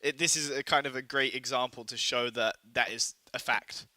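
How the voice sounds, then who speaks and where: A man's voice: mid-range voice, fairly even intonation, normal speed, sharp tone, dry recording. A man co-hosting a casual esports podcast in a studio, teasing and joking, his voice a little worn as he is losing it. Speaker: podcast co-host.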